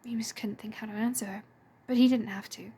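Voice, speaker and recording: A woman reading a story aloud in a soft, breathy and hushed way. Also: a little high, steady tone, fairly quick. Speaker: fan audiobook reader. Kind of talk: storybook narration.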